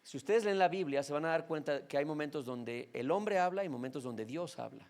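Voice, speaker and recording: A man's voice: fairly high pitch, fairly quick, a little mellow. A male pastor with a Mexican Spanish accent, preaching a sermon in a conversational way and often checking in with his listeners.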